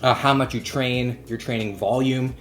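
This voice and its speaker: A man's voice: mid-range voice, steady tone, moderate pace, a bit bright. A young man chatting casually and jokingly in a fitness vlog, explaining diet tips. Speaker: fitness vlogger.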